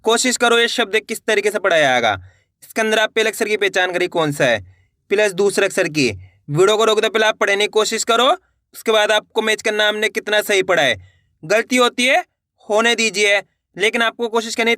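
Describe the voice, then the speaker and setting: A man's voice: high-pitched, brisk, sharp tone, no echo, studio quality. A man teaching Hindi reading, who sounds out words syllable by syllable and encourages his viewers to keep trying. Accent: Hindi (Indian). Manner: stretches each word syllable by syllable, then repeats it; encouraging, addresses viewers as friends. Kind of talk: slow word-by-word reading lesson.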